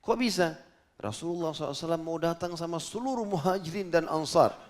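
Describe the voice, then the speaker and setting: A man's voice: on the high side, quick pace, voice pushed up, lightly acted. Flustered devoted young man, man voicing him, urgent, raised voice, sermon retelling. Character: Jabir, eager devoted young man in a panic.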